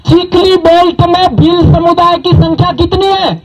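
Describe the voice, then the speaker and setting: Background noise runs beneath this rousing speech by a high-voiced man speaking at a public gathering. A community speaker from southern Rajasthan, India, with Bhili as his first language, he keeps a moderate pace with little pitch movement while emphatically posing rhetorical questions to the audience from the stage.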